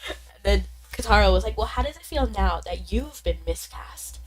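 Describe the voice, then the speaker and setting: On a rough recording, a young woman chats with viewers as she streams a game, her medium-pitched voice carrying a breathy edge and a touch of congestion from being sick. She's bubbly and talkative, with quick bursts of excitement over faint background game music.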